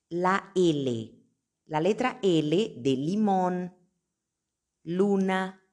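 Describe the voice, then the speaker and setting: A woman gives a pronunciation lesson, naming each letter and then sounding out example words one by one. She speaks very slowly, with long pauses between words. Her voice sits a little low. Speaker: Spanish teacher. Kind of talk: slow, deliberate pronunciation lesson.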